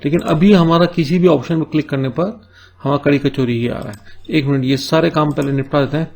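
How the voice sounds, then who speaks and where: Man, gravelly and husky voice, step-by-step coding teacher. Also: a little high, a little mellow. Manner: explains step by step, keeps asking "है ना?"; reads English task notes slowly between Hindi explanations. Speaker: coding tutor. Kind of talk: screen-recorded coding tutorial.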